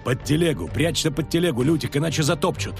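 A man's voice: fairly high pitch, fast, gravelly, over music, pitched above the performer's own voice. A man voicing a grim adult male witcher who speaks tersely through pain. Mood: urgent. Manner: terse, pained.

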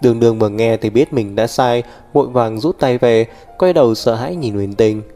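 Mellow male storyteller. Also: mid-range voice, brisk. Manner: steady, even reading. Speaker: audiobook narrator. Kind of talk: storytelling narration. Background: faint music.

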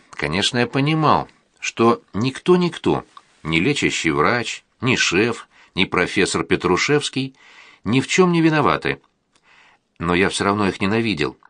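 A man narrating a first-person audiobook in a plain, even reading manner. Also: low voice, dry recording, clean studio sound.

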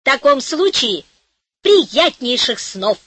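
A woman reading an audiobook, voicing a tiny, squeaky male envoy from a dream kingdom who bargains in a quick, placating way. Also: sing-song, a bit bright, husky, no echo, exaggerated voice.

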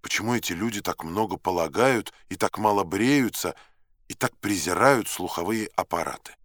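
A man narrates a novel in the first person with a low voice. His reading is measured and dramatic, with an ironic edge. The sound is dry and close to the mic. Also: fairly bright tone, dry recording. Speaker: audiobook narrator.

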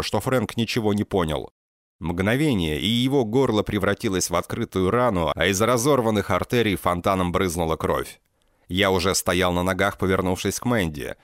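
Sex: man. Role: audiobook reader. Style: first-person narration. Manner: deadpan, sardonic, deep, expressive rise and fall. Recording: dry and close. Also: no room sound.

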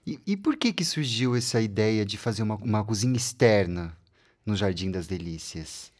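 A man's voice: fairly low pitch, animated, moderate pace. A man co-hosting a podcast from a radio studio, introducing the episode in a scripted, announcing way. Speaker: podcast co-host. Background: music.

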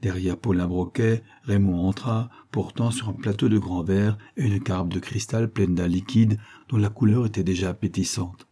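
A man reading a serialized detective novel aloud in a measured storytelling manner. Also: low voice, fairly even intonation, dark tone, husky. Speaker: audiobook reader. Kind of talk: scripted narration.

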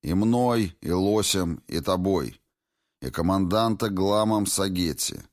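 A stern male commander gives clipped orders in a low voice, as the narrator plays him. He is curt and cold. Each word lands as a command. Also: takes it slowly.

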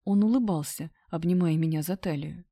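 A woman's voice: on the low side, a little fast, mellow. Woman reading a subdued audiobook. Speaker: audiobook narrator. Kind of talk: first-person scripted narration.

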